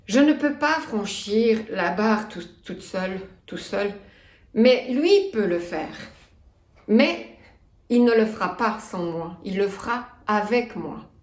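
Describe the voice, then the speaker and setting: A woman in her fifties with a Belgian French accent, preaching a sermon in an earnest, measured way and reading scripture aloud. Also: mid-range voice, reverberant. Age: 50s. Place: church.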